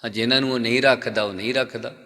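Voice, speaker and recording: A male Sikh preacher giving a sermon. He asks and answers his own questions and slows down to chant lines of scripture. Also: mid-range voice, steady tone, bright, forceful tone. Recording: long hall reverb.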